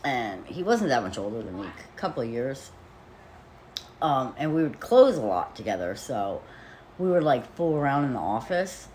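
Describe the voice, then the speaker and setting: A woman recounting a personal story in a loose, rambling way, leaning on "like" and swearing bluntly. Her pitch rises and falls in lively swings. A faint hiss sits under her voice. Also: moderate pace. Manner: rambling, with frequent "like" fillers and nervous laughs; blunt and profane. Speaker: vlogger.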